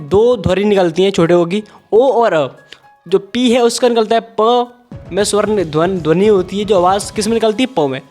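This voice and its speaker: A man with a high, light voice and a Hindi accent walks learners through English letter sounds. He is patient and repeats himself, checking that each step is clear. Faint music plays underneath. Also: darkish tone. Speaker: English teacher. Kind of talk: phonics lesson.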